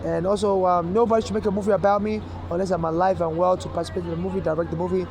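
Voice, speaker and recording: Urgent fast-talking man on a noisy street. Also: high-pitched, level tone. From Nigeria. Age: 40s. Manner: urgent, repetitive, stammering restarts. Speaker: street vlogger appealing for donations. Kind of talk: rambling direct-to-camera appeal. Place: outdoors on a city street. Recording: loud street traffic noise outdoors.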